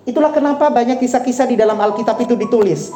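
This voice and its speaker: A woman's voice: a little high, rapid-fire. Woman preaching a sermon in a roomy hall. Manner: exhorting, repeats phrases, frequent "Amin". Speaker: pastor. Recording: roomy hall sound with faint instrument music.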